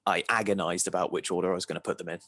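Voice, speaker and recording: A man's voice: low voice, steady tone, racing, fairly bright tone. A man, co-hosting a podcast in casual chat, emphatic and enthusiastic. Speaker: podcast co-host.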